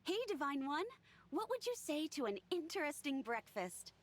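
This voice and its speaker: Chloé, a dreamy young knight. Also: female voice, sits high, sing-song, normal speed. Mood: playful. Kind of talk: video game voice acting.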